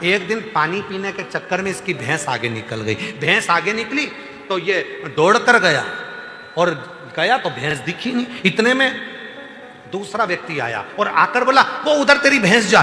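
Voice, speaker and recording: A male preacher telling a devotional story in an animated, repetitive sermon style. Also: high-pitched, unhurried. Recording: echoey hall with music.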